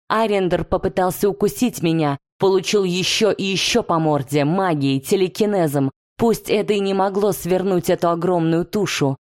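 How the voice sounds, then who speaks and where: A woman's voice: on the low side, a little mellow. A woman narrating a first-person fantasy audiobook with intense, dramatic delivery.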